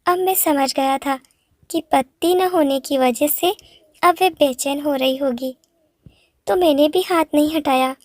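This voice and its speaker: A woman narrating a first-person story in a steady read-aloud manner. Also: sits high, measured pace, no room sound.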